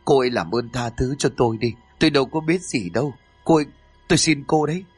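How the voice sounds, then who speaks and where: Brief: scared boyish young man, played by a man, pleading, pitched up, husky, story reading with faint music. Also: fast, dry recording. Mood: pleading, terrified. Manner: pleading, higher-pitched, panicky.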